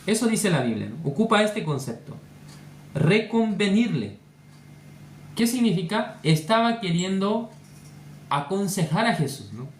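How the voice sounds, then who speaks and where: A man preaching a sermon in an animated way, often asking his listeners rhetorical questions. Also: sits high, measured pace, long pauses. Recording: roomy echo, faint hiss.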